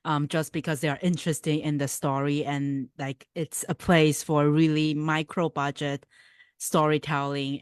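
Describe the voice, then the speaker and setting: A woman's voice: sits low, smooth, no echo, clean studio sound. A woman from Taiwan, a filmmaker answering questions thoughtfully and often searching for words. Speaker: filmmaker and producer.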